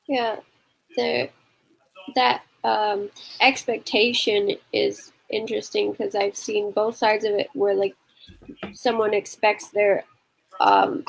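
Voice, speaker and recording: A woman's voice: medium pitch, little pitch movement, slow pace, creaky, low-quality recording. A young adult woman hosting a casual live-stream talk, speaking thoughtfully and laughing easily. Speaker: host.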